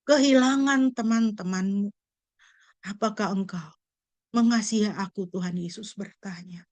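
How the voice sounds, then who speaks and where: A woman pastor preaching a sermon, animated and full of rhetorical questions. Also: medium pitch, measured pace, dry recording. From Indonesia.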